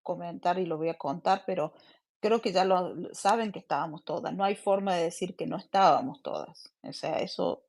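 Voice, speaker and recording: Woman, lowish voice, insistent, repeats herself, interview answer. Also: normal speed, darkish tone.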